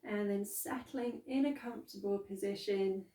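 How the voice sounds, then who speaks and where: Woman, calm grounding exercise, mellow tone, unhurried, roomy distant recording. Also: medium pitch. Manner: calm, gentle, unhurried instruction with soft pauses. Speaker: meditation and movement instructor. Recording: roomy echo, distant from microphone.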